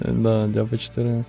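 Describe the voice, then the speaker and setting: Ukrainian guy streaming, gravelly flat low voice, mellow, some music under it. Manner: offhand, mumbling, swears casually. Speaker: streamer commenting on a conference stream. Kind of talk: casual live commentary.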